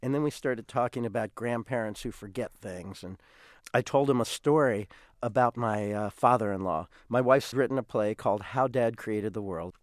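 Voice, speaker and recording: Lively man telling stories, dry sound. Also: medium pitch, normal speed, dry recording. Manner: lively storyteller, acting out quoted voices. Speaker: songwriter leading children's music workshops. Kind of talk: radio interview.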